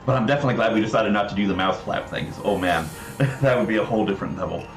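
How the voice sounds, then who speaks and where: A man with a lowish voice talks very fast as he casually demos a game project on a livestream. The sound is echoey, with game music running in the background.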